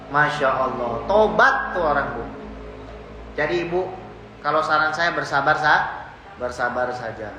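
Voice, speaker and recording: A man's voice: fairly high pitch, noisy background. A man preaching live to an audience, telling stories in a teasing, conversational way and speaking directly to women in the crowd. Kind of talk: live religious talk with Q&A. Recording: echoey live hall recording.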